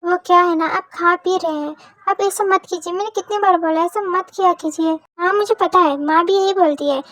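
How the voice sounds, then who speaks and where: Very high-pitched girl voicing a fan drama. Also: steady tone, fairly bright tone, no room sound, clean studio sound. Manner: voices every role herself, fast bickering dialogue. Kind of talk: one-person fan audio drama.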